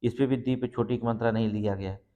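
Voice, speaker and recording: A man's voice: medium pitch, fairly even intonation, fast talker, warm tone, dull audio. A man teaching exam preparation, walking through each answer step by step and confirming it with a repeated check. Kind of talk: exam-prep lesson. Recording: long reverb in the room.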